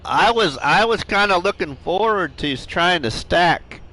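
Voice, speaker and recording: A man's voice: high voice, lively intonation, unhurried, bright, forceful tone, low-quality recording. A middle-aged man streaming a farming game live, chatting and joking with viewers and laughing often. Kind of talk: live gameplay chat with viewers.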